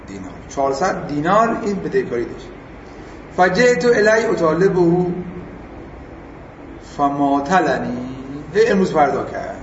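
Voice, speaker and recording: A man giving a casual religious lesson. He reads Arabic text slowly, then explains it in everyday speech and acts out the people he quotes. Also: on the high side, a little hiss or hum. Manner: acts out the quoted speakers in lively asides. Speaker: religious teacher. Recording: roomy, distant and dull.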